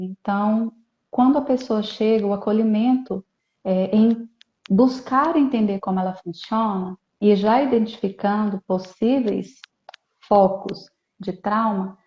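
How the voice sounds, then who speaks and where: A woman therapist, a guest in a live online interview, explaining her clinic work in a calm, steady way. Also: medium pitch. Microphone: video call. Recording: dull, echoey video call audio.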